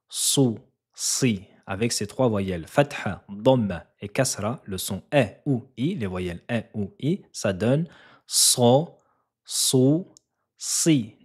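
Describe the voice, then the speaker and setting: A man teaching a recitation lesson, who patiently repeats syllables and chants verses louder for learners to echo. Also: lowish voice, slightly rough. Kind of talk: slow tajwid lesson with recitation.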